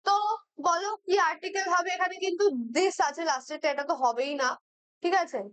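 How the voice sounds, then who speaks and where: A woman's voice: extremely high pitch, a little fast, a bit bright, no echo. A young woman with a Bengali accent who teaches English grammar for exam preparation and keeps checking in with her students as she explains each question. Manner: patient, checks in with "right?" often.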